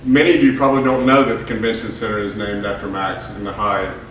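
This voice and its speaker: A man lectures to an audience at a mid-range pitch, his voice carrying through a very echoey hall from a distance. He starts out halting, full of fillers and restarts, then settles into reading prepared remarks. A faint hiss sits under the room sound. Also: flat delivery, a bit bright. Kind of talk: public history lecture.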